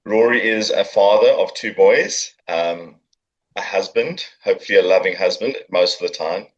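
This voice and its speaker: A middle-aged South African man, a business owner appearing as a podcast guest, chats casually in an interview at a coworking space, telling his story with jokes and filler words. His voice sits low, his pace is moderate and the sound is lo-fi.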